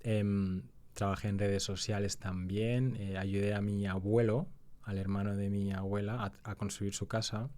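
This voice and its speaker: A young man from Spain tells his story as a guest in a casual interview, in a lowish voice. He becomes animated when retelling scenes and slows down when reflecting.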